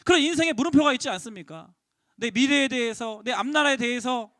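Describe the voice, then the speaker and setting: A man preaching a sermon to middle schoolers as a youth pastor, animated and acting out the quotes he tells. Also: extremely high pitch, fast talker, no room sound, clean studio sound. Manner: animated, acts out the biblical quotes.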